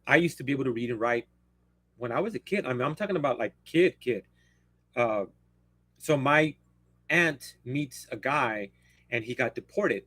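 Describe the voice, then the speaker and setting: Here a male livestream host whose first language is Spanish talks in a mid-range, fairly bright, slightly rough voice. The close, echo-free recording captures his blunt, rambling chat as he keeps cutting himself off.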